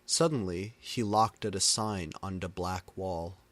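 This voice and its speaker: Reading fan fiction aloud with dramatic, comedic flair, a man pronounces every misspelling and stray symbol exactly as written. His voice is low and a bit bright, and he takes his time.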